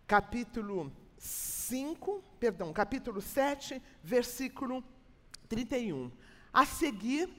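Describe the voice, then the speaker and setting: In a hall with a long reverb, a woman with a Brazilian Portuguese accent delivers an expository church sermon. Her voice is fairly high, and her manner is colloquial and teacherly, with phrases repeated for emphasis.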